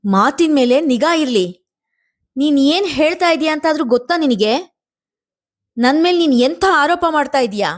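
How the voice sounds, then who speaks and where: Distraught young mother, tearful, high strained pleading, storybook drama, voiced by a woman. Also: measured pace, long pauses, a little mellow. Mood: anguished.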